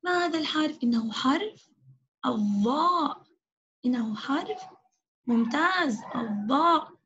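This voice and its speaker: A woman's voice: high-pitched, lively intonation, a bit bright. A woman teaching an online phonics lesson to young children, stretching out each sound and praising often. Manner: drawn-out syllable-by-syllable spelling with frequent praise. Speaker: kindergarten teacher. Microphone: video call. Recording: dull lo-fi video call audio.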